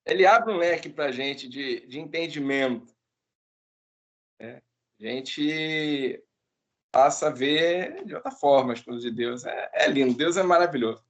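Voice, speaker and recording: A man's voice: a little high, unhurried. A man in a prayer group who preaches informally, earnest and exhorting, with tag questions.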